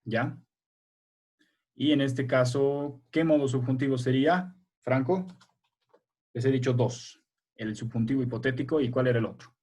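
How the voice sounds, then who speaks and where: Teaching young primary pupils on a video call, this man explains things patiently in small steps and keeps asking questions to check on them. His voice is husky and a bit breathy, medium in pitch with a darkish tone. He talks at a moderate pace, leaving long pauses.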